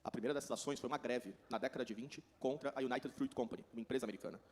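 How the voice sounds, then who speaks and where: A man with a Brazilian Portuguese accent works as a consecutive interpreter at a conference. His mid-pitched voice moves very quickly through each translated passage. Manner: rapid, running translation.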